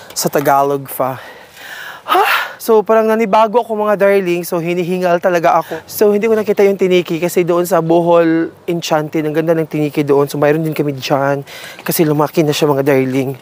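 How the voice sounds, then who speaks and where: A man's voice: on the high side, a little hiss or hum. A man gives a casual, rambling tour of his home garden and keeps calling his viewers darling. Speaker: gardening vlogger. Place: home garden, partly outdoors.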